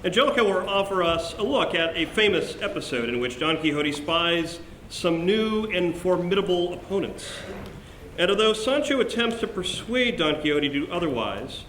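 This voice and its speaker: A male announcer reads a formal introduction in a slightly high voice. The room echoes strongly around him, and there is faint noise in the recording. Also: lively intonation, normal speed, fairly bright tone.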